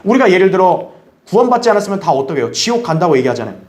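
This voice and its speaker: A man pastor teaching a Bible study, animated, asking the congregation questions and acting out what others might say. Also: sits high, racing. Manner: animated, acts out others' remarks in a raised voice; asks the audience questions. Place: church hall.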